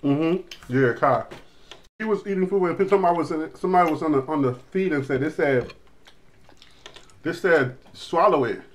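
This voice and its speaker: A man's voice: on the high side, normal speed, slight background noise. A middle-aged man hosting a family eating video, rambling and explaining dishes to viewers. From Liberia. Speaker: cooking channel host. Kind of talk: casual family mukbang chat.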